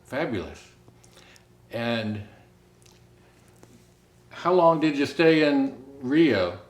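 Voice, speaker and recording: Guy asking interview questions slow and gentle, roomy echo. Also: medium pitch, animated.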